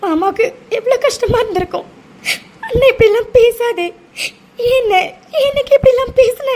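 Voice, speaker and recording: A woman voicing a very high, anxious young sister. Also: moderate pace, a little mellow. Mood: upset, questioning. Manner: pressing questions, emotional. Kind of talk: cartoon voice acting.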